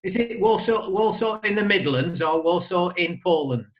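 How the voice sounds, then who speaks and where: A man's voice: sits high, expressive, normal speed. A man on a video call cheerfully interrupting the host to tease another player. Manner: playful, teasing heckler. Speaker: quiz participant. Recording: echoey, dull video call audio.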